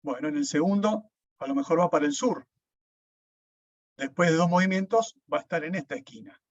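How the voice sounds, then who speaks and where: A man's voice: a little high, fairly quick, no echo. Man teaching a class, step by step. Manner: explains step by step, with frequent "¿sí?" checks. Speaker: lecturer. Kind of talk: recorded online class lecture. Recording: dull, dry lo-fi sound.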